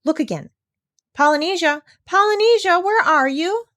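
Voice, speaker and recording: A woman voicing a kindly, excitable male doctor in a storybook, with an exclaiming, questioning manner. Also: extremely high pitch, moderate pace, voice pushed up. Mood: concerned. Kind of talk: storybook read-aloud character voice.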